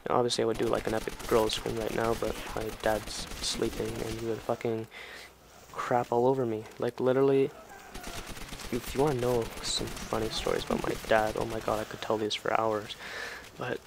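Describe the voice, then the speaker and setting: A man's voice: on the low side, level tone, normal speed, vocal fry. A teenage boy giving casual, rambling gameplay commentary at home at night, swearing freely as he chats into his mic. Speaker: gamer. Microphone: desk or headset mic. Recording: game gunfire noise loud underneath. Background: video game gunfire and ambience.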